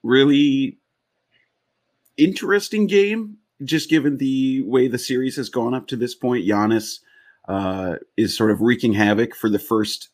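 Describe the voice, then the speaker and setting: A man's voice: mid-range voice, steady tone, moderate pace. A man hosting a sports podcast, casually recapping games and putting questions to his co-hosts. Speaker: podcast host.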